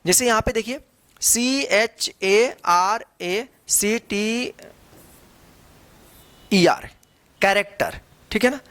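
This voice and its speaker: A woman's voice: mid-range voice, very slow, long pauses, a bit bright. A woman teaching a phonics lesson, spelling out letters one by one and then reading the word. She repeats each word and asks rhetorical questions as she goes. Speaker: English teacher.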